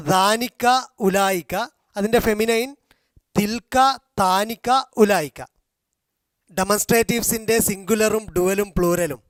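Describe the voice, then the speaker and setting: A man teaching a language class, slowly repeating and drilling grammar forms, with a Malayali accent. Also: sits high, dry recording, clean studio sound. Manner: slow, drilling repetition of forms. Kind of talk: explaining grammar in a video class.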